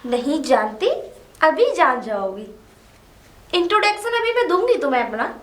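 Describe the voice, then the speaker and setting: An actress playing a scheming young wife who taunts and bosses the new bride. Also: female voice, sits high, sing-song, normal speed. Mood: taunting. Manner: taunting, mocking. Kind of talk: low-budget Hindi drama acting. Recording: echoey room.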